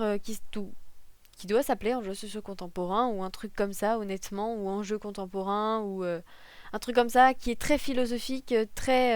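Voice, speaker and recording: A woman's voice: fairly high pitch, clear, resonant tone, dry recording. A young woman talking to camera about her university classes in a chatty, unscripted way, with many fillers, self-corrections and joking asides, into a desk microphone. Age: young adult. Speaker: political science student. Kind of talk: casual talking-head vlog.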